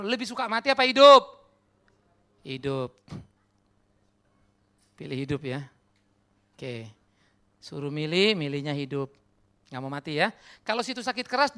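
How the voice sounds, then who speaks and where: A man preaching a sermon as pastor, animated and conversational. He questions the congregation directly and mixes casual slang and English words into his talk. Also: high-pitched, smooth. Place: church.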